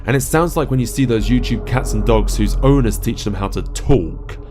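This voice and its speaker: A man's voice: mid-range voice, normal speed. A man narrating a first-person horror story in a profane, conversational way. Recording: narration over music bed.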